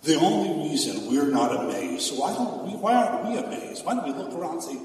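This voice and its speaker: A rabbi giving a sermon in emphatic preaching that swings from calm to loud, recorded from a distance in a large hall. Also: male voice, fairly high pitch, brisk. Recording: echoey hall, far from the mic.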